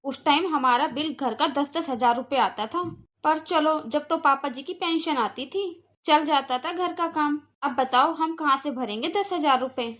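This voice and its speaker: A sharp-tongued, stingy aunt, voiced by a woman for a cartoon, lecturing in a high voice. She talks down to her niece and her sister-in-law. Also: moderate pace. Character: stingy, scolding aunt by marriage. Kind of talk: cartoon voice acting.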